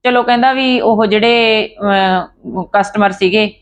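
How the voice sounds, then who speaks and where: A woman's voice: mid-range voice, fairly even intonation, takes it slowly. A woman retelling a true story in a casual, conversational way, with fillers and restarts. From Punjab. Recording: dull lo-fi sound.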